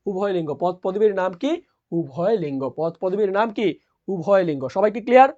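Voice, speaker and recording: A woman's voice: medium pitch, lively intonation, normal speed, dark tone. A woman teaching a live online lesson, repeatedly asking questions and answering them herself. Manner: drills by asking and answering her own questions. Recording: dull lo-fi sound.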